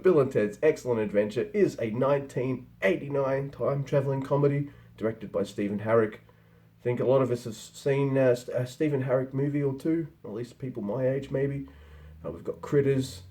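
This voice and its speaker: Guy doing a chatty rambling movie review, warm mellow voice, restarts a lot. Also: mid-range voice. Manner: rambling and conversational, with frequent restarts. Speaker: film reviewer. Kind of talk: casual spoken film review.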